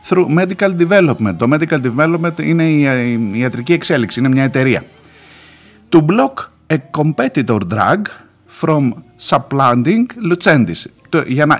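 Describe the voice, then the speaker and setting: A middle-aged man hosting a radio show, giving sarcastic, mocking news commentary and reading documents aloud in halting English. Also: mid-range voice. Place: radio studio.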